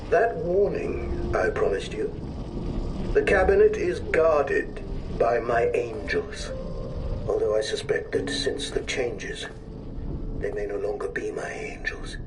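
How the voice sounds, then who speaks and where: A man's voice: mid-range voice, animated, noisy background. A man voicing a sly, theatrical aristocratic collector whose message plays from an old phonograph cylinder in a video game. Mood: ominous. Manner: grand, drawn-out theatrical speech. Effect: played back from an old phonograph cylinder. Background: music.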